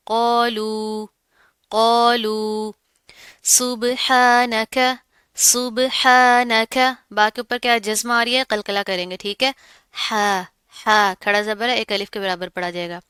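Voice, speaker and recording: A woman's voice: mid-range voice, sharp tone, clear, resonant tone, dry recording. A woman teaching Quran recitation, who explains each sound patiently and asks and answers her own questions. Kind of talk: tajweed lesson, explaining and reciting.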